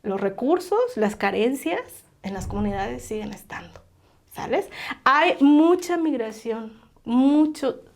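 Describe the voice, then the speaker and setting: A woman's voice: on the high side, lively intonation, unhurried, gravelly. Woman, earnest, filler-heavy, tag questions, podcast guest. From Oaxaca coast, Mexico. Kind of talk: casual interview conversation.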